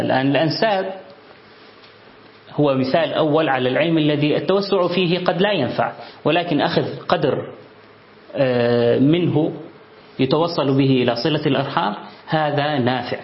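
A man giving an Islamic studies lesson, reading from a book and explaining it in a measured way with thinking pauses. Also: mid-range voice. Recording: roomy, dull lo-fi sound.

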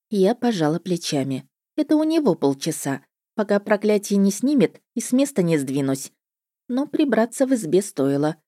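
A woman with a low, dark voice reads a fantasy audiobook in the first person. Her storytelling is lively and wry, and she snaps out the heroine's retorts. The sound is close and dry. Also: no room sound. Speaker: audiobook narrator.

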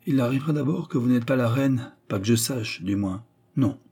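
Reading aloud, a man uses a mid-range, mellow, husky voice at normal speed. The role is a persuasive, scheming middle-aged noblewoman adventuress whose put-on sweetness frightens her young companion. Expect insistence, menace and persuasion.

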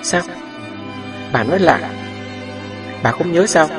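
Man doing worried old healer guy, higher voice, pushy reassuring, music in the back. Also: expressive, slow. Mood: insistent reassuring. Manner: raised, pleading, reassuring. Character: older male village healer, anxious but insistent. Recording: distant mic with background music.

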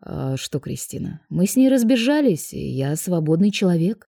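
A woman's voice: fairly low pitch, sing-song, normal speed, gravelly, mellow, breathy edge, dry recording, studio quality, heavily acted. A woman voicing a cocky, teasing young male television presenter in an audiobook. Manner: smug, mocking.

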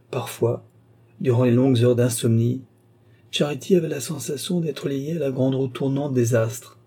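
A man reading a literary novel aloud in a measured, steady manner. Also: mid-range voice, husky. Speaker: audiobook reader. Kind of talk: scripted literary narration.

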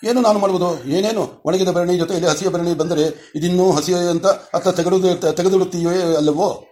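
Young mother, tender, coaxing, storybook figure, man reader's own voice, slightly high. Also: fairly even intonation, moderate pace, warm tone, lightly acted. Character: loving young mother, gentle and teasing.

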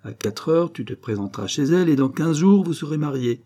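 A man reading the part of a worldly, commanding society woman in an audiobook, talking briskly and knowingly. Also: on the high side, animated, dark tone, pitched above the performer's own voice.

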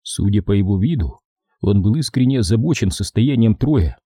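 A male audiobook narrator reads scripted narration at a steady, measured pace in a very dark, husky, low voice. The recording is dry and close-miked, with no echo.

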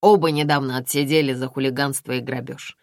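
Woman reading a formal, dry police investigator, low measured voice, close and dry audiobook sound. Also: fairly even intonation, a little mellow, dry recording. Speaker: audiobook reader.

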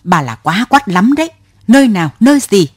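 A man's voice: high voice, sing-song, unhurried, no echo, studio quality, full character voice. A woman voicing an elderly male cyclo driver who loses his temper and snaps at a passenger, in a storybook reading. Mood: angry. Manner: exasperated, snapping.

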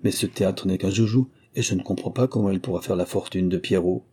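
A man's voice: low-pitched, quick pace, dark tone, slightly rough. A man voicing a poor, humble peasant miller who talks in a deferential, pleading way. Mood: plain.

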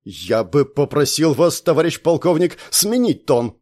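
A stout prosecutor of about fifty, officious and stiff, as a man reads him. His tone stays formal and fairly high in this audiobook. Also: big pitch swings, a little slow, a little mellow.

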